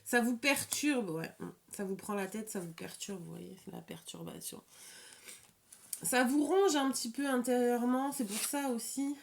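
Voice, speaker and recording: A woman with a slight lisp and slushy s sounds gives an informal, improvised card reading as an oracle reader, haltingly repeating and rephrasing her words. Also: fairly high pitch, sing-song, vocal fry.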